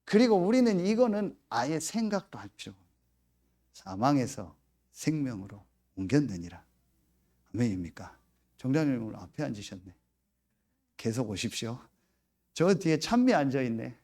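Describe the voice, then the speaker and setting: A man's voice: mid-range voice, very animated, fairly quick, mellow. A middle-aged man preaching a sermon as pastor, telling a family story and acting out his own angry outbursts.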